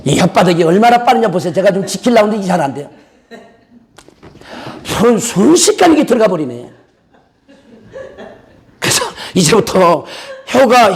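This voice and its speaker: A pastor with a very high, gravelly voice preaches to his congregation. His delivery is fervent and folksy, with playful asides dropped between exhortations. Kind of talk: Pentecostal-style sermon. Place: church sanctuary.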